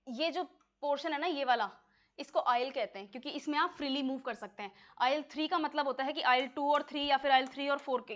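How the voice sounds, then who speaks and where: A high-pitched woman teaches an English exam-prep lesson in Hindi. She explains words step by step and frequently checks that her students are keeping up.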